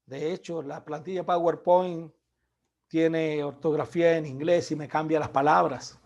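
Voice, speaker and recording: High-voiced man preaching earnestly. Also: dull audio. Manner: earnest exhorting, addresses listeners as brothers; drops to a soft low voice on asides. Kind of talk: sermon.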